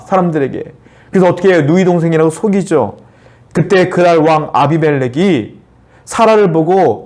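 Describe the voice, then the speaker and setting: A middle-aged man delivering a church sermon in a slightly high-pitched voice. He keeps tossing rhetorical questions to the congregation and slips into acted dialogue to bring the scripture scenes to life. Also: a little mellow. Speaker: pastor.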